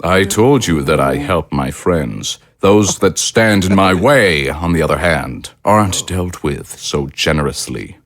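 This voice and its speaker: In an audio drama, a male actor plays a powerful villain who is coldly polite, speaking in a formal, measured and condescending manner. His low-pitched voice has lively intonation and a menacing mood, with no echo.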